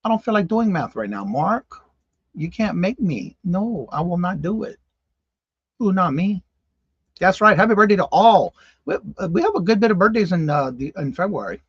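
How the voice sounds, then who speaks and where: A man's voice: sits high, very animated, normal speed, slightly rough, no echo, highs cut off. A man in his fifties hosting a casual live-stream morning show, chatting with viewers by name and exclaiming in disbelief. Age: 50s. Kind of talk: casual live-stream chat reading comments.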